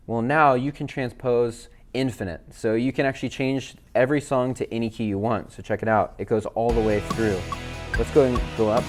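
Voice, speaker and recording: A man, a worship leader, walking viewers through app features in a relaxed, chatty way with fillers. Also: mid-range voice, moderate pace, faint music behind. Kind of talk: casual software demo. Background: backing tracks playing.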